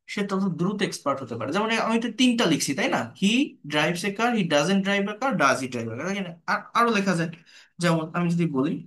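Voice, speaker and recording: A man with a Bengali accent teaching English grammar, speaking slowly and patiently and repeating example sentences. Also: sits high, a bit bright. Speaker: English tutor. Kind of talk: spoken grammar lesson.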